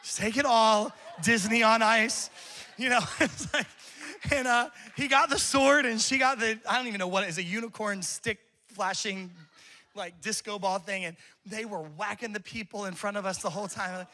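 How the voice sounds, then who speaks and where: On a church campus, a pastor in his thirties gives a sermon at a moderate pace, his voice high-pitched with a sharp tone. He shares stories in a relaxed manner and laughs frequently.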